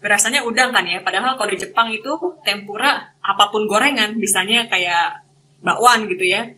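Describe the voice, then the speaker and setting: A woman's voice: mid-range voice, fairly quick, bright, forceful tone, a little hiss or hum, low-quality recording. A woman from Indonesia, a guest speaker giving a casual online lesson over a video call, explaining step by step with many examples. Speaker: guest speaker teaching Japanese.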